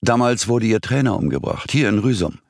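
A man's voice: lowish voice, animated, a little fast, gravelly, a little mellow, dry recording, clean studio sound, voice pushed up. A man voicing an eager young police assistant explaining a case in an audiobook.

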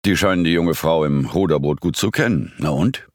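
A man voicing a gruff, grumbling police chief in an audiobook. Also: rumbling low, normal speed, no echo, studio quality.

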